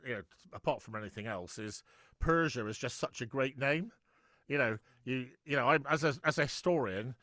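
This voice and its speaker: A man's voice: medium pitch, fairly bright tone, no echo, studio quality. A middle-aged man hosting an interview, chatty and rambling with frequent stumbles and restarts. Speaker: host. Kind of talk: casual interview chat.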